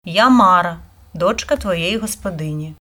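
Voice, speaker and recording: A woman's voice: on the low side, measured pace, bright, forceful tone. A woman voicing a decisive, commanding elder sister in a read-aloud storybook, giving orders in a firm way.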